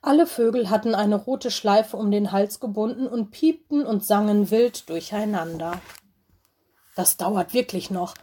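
A woman narrating a children's storybook in a gentle, expressive manner. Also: mid-range voice, normal speed, hardly any pauses. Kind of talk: storybook reading.

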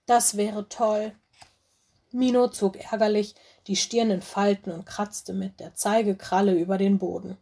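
A woman narrating a children's storybook in a measured, expressive reading. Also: mid-range voice, vocal fry, husky.

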